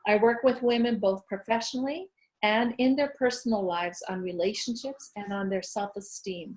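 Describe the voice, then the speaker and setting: A woman's voice: medium pitch, rough recording. A woman life coach hosting an online interview, upbeat and affirming as she introduces her guest and signs off.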